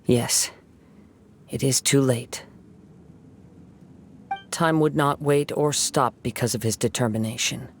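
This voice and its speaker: A man playing a calm, gentle young wandering swordsman in a video game, telling things in a contemplative, measured, soft-spoken way. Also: mid-range voice, a little hiss or hum. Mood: calm, regretful. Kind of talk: English video game voice acting, storytelling.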